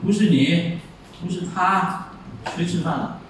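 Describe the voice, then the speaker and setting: A man teaching a Chinese class, explaining tones by slowly acting out example words. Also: sits high. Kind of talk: classroom lecture. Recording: echoey room, far mic, faint noise.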